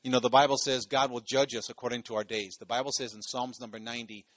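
A man's voice: mid-range voice, little pitch movement, fast talker, a bit bright, dry recording. A man from Ohio preaching a sermon in a loose, conversational way, full of "you know" asides and phrases repeated for emphasis. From Ohio, USA.

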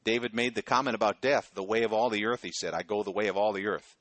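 A middle-aged pastor preaches a sermon in a conversational manner, often pausing to check in with "okay?" His fairly low voice is steady and fairly bright, his pace is quick, and there's no room sound.

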